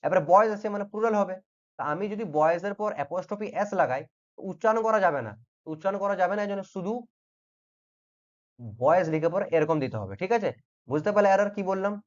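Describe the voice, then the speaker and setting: A man's voice: high-pitched, quick pace, highs cut off. A man teaching grammar in an online lesson, patiently repeating each point and checking that the students follow. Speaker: exam-prep English teacher.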